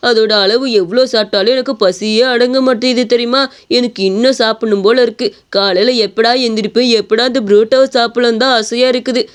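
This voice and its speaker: A woman's voice: a little high, steady tone, fast talker, smooth, natural voice. A woman voicing a stubborn young boy in a cartoon story, whiny and pleading. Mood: eager.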